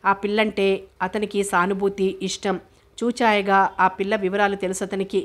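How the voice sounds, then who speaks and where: A woman reads a novel aloud in a steady, measured way. Her pitch stays flat and unvaried, sitting in a middle register for a woman. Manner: steady, even storytelling. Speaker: narrator. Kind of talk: novel audiobook reading.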